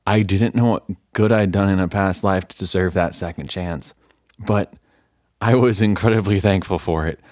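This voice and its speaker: A man's voice: low-pitched, normal speed, darkish tone, dry recording, studio quality. A man narrating a horror story in a wry, self-deprecating storytelling manner.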